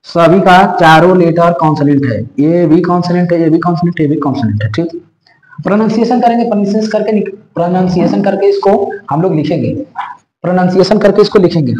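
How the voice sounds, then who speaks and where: A man's voice: high voice, a little mellow, echoey room, poor audio. A man teaching an English grammar lesson, repeating points and checking in with the listeners often.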